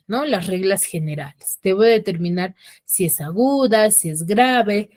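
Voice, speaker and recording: A woman's voice: medium pitch, darkish tone. Spanish-speaking woman teacher quizzing her class. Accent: Peruvian Spanish. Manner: questioning, checks understanding with frequent "¿ya?". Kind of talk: online class lesson.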